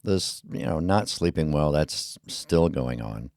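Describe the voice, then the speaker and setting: Rumbly, gravelly bass-voiced male podcaster. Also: expressive, takes it slowly, a little mellow, dry recording, studio quality. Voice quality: rumbly, low voice. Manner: mumbly, rambling, with many fillers. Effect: equalizer filter on the mic. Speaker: podcast host. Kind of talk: casual solo podcast monologue. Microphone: heavy dynamic podcast mic on a boom arm.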